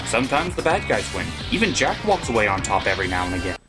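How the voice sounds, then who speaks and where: A man with a lowish voice hosts a scripted comedic cartoon review over a music bed, speaking quickly and very animatedly. He's theatrical and opinionated, with crude turns of phrase.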